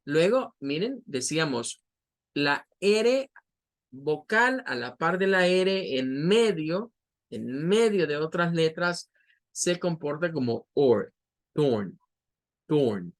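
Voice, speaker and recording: Slow, patient male English teacher. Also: on the high side, expressive. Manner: patient, repeats example words slowly to model their sounds. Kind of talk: online class explaining English pronunciation.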